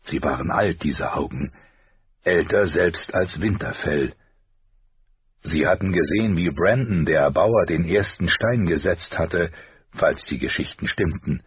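Very deep husky male narrator. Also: measured pace, dry recording, muffled recording. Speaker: audiobook narrator. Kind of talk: scripted narration.

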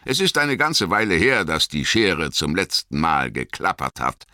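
A man's voice: low voice, very animated, bright, forceful tone, no room sound, clean studio sound, heavily acted. Gandalf, a stern old wizard, as a man reads him. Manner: stern, slow, scolding. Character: stern old male wizard, gruff but kindly.

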